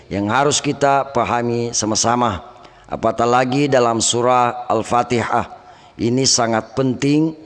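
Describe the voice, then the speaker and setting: A man teaching Quran recitation rules, chanting verses slowly and melodically between plain explanations. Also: mid-range voice, long reverb tail. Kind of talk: tajwid lesson with chanted recitation.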